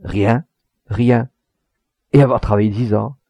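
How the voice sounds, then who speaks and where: A man voicing an obsessive, proud, volatile old master painter, husky and emphatic, in a storybook reading. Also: on the low side, measured pace, dark tone, no echo. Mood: despairing. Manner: impassioned, emphatic, with hesitations. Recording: dull lo-fi recording.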